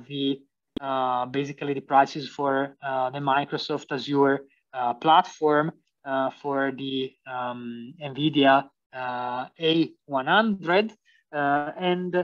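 A young man with an Italian accent, a PhD student giving a university lecture, hesitant with many fillers and restarts. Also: on the high side. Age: young adult. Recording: distant, dull lo-fi sound.

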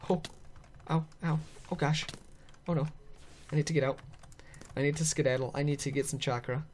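A man narrating his video game play to viewers in an excitable, chatty way, laughing often and reacting out loud. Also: on the high side, moderate pace, a little hiss or hum. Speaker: gaming channel host. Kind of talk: let's play commentary.

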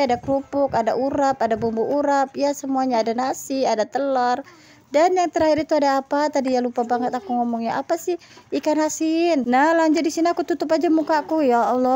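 Chatty high-voiced young mother. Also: slight background noise. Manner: chatty, addresses viewers as "Bun" often; self-deprecating, relaxed commentary. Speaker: vlogger and mother. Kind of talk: casual cooking vlog voice-over.

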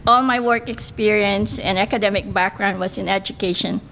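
A middle-aged Filipino woman, a political candidate speaking English as a second language with a Filipino accent, gives an earnest, careful speech at a podium microphone in a banquet room, using hesitant fillers. Her medium-pitched voice is brisk and a bit bright, with vocal fry and fairly even intonation. The recording is rough, with a little hiss or hum.

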